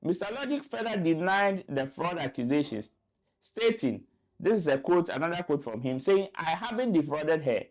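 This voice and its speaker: A man's voice: fairly high pitch, sing-song, moderate pace. A man hosting a commentary show, reading out a news story and quotes in an explanatory way, with fillers and restarts.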